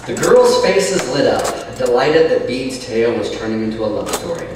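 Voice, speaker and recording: A man's voice: medium pitch, big pitch swings, moderate pace, a little mellow, distant mic, slight background noise. A man chatting and then reading his own novel aloud, sounding like he is in a cave through a cheap mic. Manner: chatty, rambling asides. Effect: cave-like echo.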